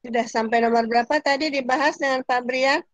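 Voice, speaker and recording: A woman's voice: sits high, steady tone, fairly quick, no echo. A woman teacher patiently telling her pupils to wait during an online class. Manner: patient, gentle. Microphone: video call.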